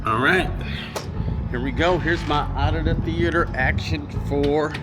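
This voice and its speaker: A man's voice: a little high, fairly even intonation, a little slow, over music. An American man giving a casual vlog-style movie review in a slangy, profane way.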